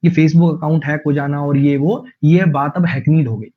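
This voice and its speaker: A man with a somewhat high voice and fairly even intonation teaches English vocabulary online at normal speed, repeating words often and drawling his example sentences. The class stream recording is muffled.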